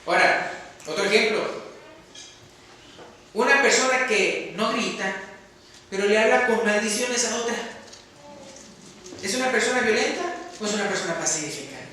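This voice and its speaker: Man, sermon, high and bright voice, questions to the congregation, very echoey hall, distant mic. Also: moderate pace, pauses often, a little hiss or hum. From Mexico. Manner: emphatic, asks the congregation questions and answers them. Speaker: preacher. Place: church hall.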